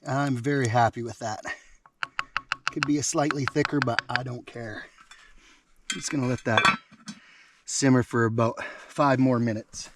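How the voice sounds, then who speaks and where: A man's voice: medium pitch, steady tone, normal speed, long pauses, noisy background. A man cooking over a campfire outdoors by a lake, talking enthusiastically through a casual cooking vlog. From Canada. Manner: enthusiastic, talks with mouth full while tasting.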